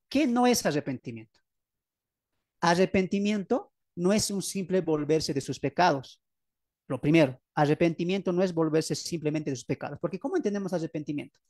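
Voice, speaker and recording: A man with a fairly high, darkish voice preaches as a pastor, teaching from his own book, putting rhetorical questions to the audience and repeating key phrases for emphasis. The studio recording is clean with no echo.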